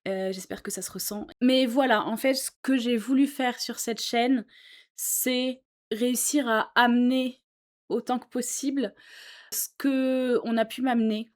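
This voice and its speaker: A woman's voice: on the high side, steady tone, measured pace. A woman musician talking earnestly to camera from a sofa in her small office, in a casual chat full of fillers. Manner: earnest, thoughtful, with many fillers. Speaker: YouTuber and musician.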